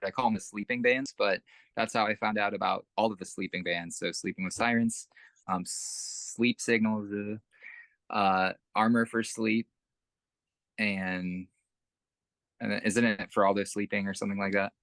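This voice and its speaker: A man's voice: on the low side, fairly even intonation, unhurried, a bit bright, no echo. A young man who plays in a band, chatting casually in an interview and rambling with lots of fillers and restarts. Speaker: band musician, interview guest.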